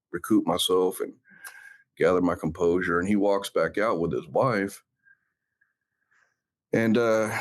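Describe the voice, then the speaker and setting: A middle-aged man with a low, deep voice recounts a personal story in a sit-down interview. He speaks earnestly and reflectively, often pausing on "uh" and restarting his sentences as he works through the memory. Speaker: interview guest, founder of a law enforcement brand.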